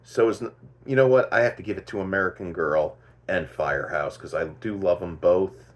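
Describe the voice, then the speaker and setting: A man's voice: low-pitched, moderate pace. A man hosting a casual music commentary, thinking aloud and stopping to correct himself as he goes. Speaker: host.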